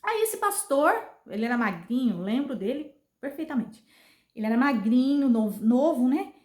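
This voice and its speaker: A woman's voice: sits high, big pitch swings, moderate pace, darkish tone. Brazilian woman in an echoey room. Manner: earnest, repetitive retelling. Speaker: vlogger. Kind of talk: casual personal storytelling. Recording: roomy echo.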